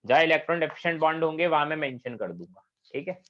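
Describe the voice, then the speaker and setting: A man's voice: fairly high pitch, lively intonation, fast. A man teaching chemistry in a classroom lecture, asking students questions and mixing English terms into his Hindi. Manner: asks the class questions and checks understanding often; mixes English technical terms into Hindi speech. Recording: dull lo-fi recording.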